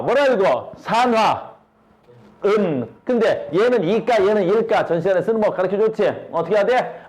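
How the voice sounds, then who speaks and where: Animated man teaching a science class. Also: sits high. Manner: asks students constant rhetorical questions. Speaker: high school science teacher. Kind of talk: classroom lecture with questions to students.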